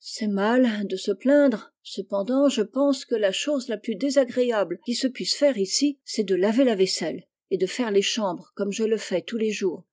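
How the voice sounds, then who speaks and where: A woman voicing a gentle, shy, modest girl in a storybook reading, speaking softly. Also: medium pitch, moderate pace, hardly any pauses, close to an everyday voice. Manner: soft, gentle.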